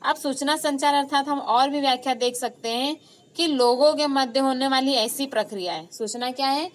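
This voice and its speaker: A woman teacher with a slightly high voice gives an online class lecture. She explains patiently and repeats key terms. She stresses example phrases loudly. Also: moderate pace, poor audio.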